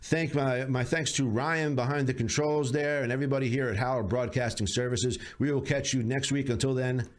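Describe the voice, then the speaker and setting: A man hosting a podcast, giving a measured closing monologue of political commentary with dry sarcastic asides. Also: medium pitch, steady tone. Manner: measured, deliberate delivery with slow emphatic pauses. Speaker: podcast host.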